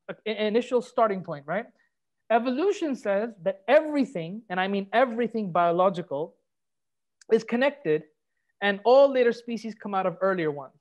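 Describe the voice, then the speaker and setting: A man from Kuwait giving a conversational guest lecture over a video call, explaining in a relaxed way and dropping in Arabic phrases. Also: sits high. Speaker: guest lecturer, assistant professor.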